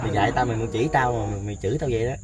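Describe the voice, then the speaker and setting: A man playing a learner driver in a comic sketch, whining and protesting loudly when he gets scolded. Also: mid-range voice, fairly even intonation, rapid-fire, crowd noise.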